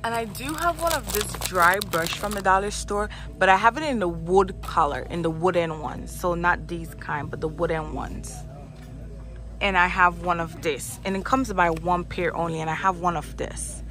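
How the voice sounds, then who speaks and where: Soft music plays behind a woman narrating a casual shopping vlog in a store aisle, filmed on her handheld phone. She chats, thinks aloud and often repeats herself in a lowish, fairly bright voice at normal speed.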